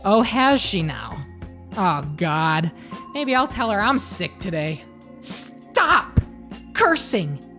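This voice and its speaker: A woman's voice: mid-range voice, very animated, takes it slowly, bright, forceful tone, faint music behind, heavily acted. A woman voicing a wry young nun who talks in a teasing, sardonic way. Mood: exasperated.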